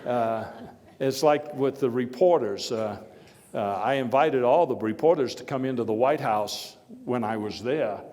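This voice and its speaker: Before an audience in a reverberant hall, a living-history performer embodies a hearty, opinionated former American president, sharing tales in a halting, storytelling way broken by wry chuckles and emphatic bursts, and answering questions. His pitch is medium, his tone darkish, the acting light.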